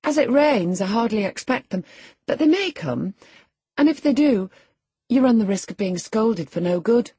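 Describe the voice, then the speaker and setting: A petulant, genteel teenage girl played by a woman narrator from a classic storybook. The voice is pitched well up, soft-edged and husky, with an evasive, easily flustered manner. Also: expressive, normal speed, dry recording, full character voice. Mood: coaxing, evasive. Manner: petulant, stammering when flustered.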